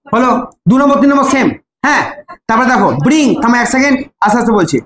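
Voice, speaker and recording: A woman with a high voice talks rapid-fire while teaching an English grammar class in Bengali, spelling verb forms letter by letter and questioning her students. The room is echoey with faint ambient sound.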